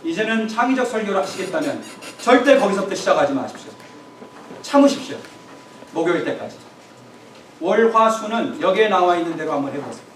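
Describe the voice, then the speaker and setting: In a lecture room, a man gives an emphatic, exhorting seminar on preaching, addressing his audience directly. His voice is high and fairly bright, fast, with big pitch swings. The recording has a roomy echo, faint room noise, and sounds distant.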